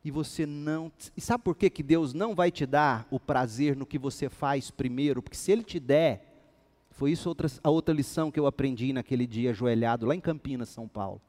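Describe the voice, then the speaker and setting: A male pastor preaching a sermon with animated storytelling, acting out the dialogue in his stories. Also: mid-range voice, brisk.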